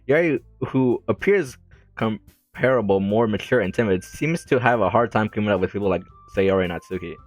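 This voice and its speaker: A man's voice: fairly low pitch, brisk, faint music behind. A young man reading a visual novel aloud into a desk mic, adding rambling, self-deprecating comments and frequent giggles. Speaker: let's play gamer.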